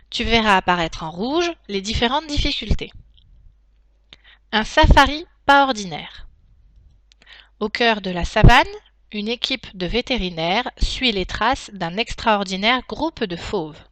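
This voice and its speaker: A woman teacher dictating a text to pupils, phrase by phrase, in a deliberate, carefully articulated way with pauses. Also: medium pitch, animated, a bit bright, no echo. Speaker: primary school teacher.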